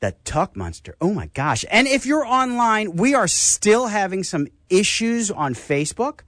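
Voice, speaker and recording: Older new york guy on talk radio, lively up-and-down voice, pitch sits a bit high, dry close sound. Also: a little slow, no room sound. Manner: animated storyteller, acts out voices. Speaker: radio show host. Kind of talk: casual radio chat.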